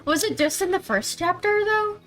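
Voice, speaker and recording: A woman co-hosting a casual live game stream, joining in with quick, giggly banter. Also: extremely high pitch, lively intonation, fairly bright tone, faint music behind. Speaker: stream co-host.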